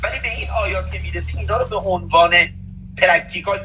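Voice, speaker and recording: Man, high voice, bright tone, animated preachy chat, distant mic. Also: a little hiss or hum. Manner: animated and preachy, quoting verses. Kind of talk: casual chat.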